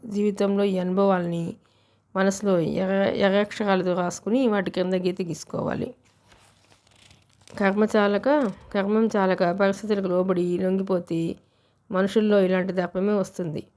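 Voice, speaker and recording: A woman's voice: medium pitch, a little mellow. Woman narrating a novel steadily. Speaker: audiobook narrator. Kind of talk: audiobook narration.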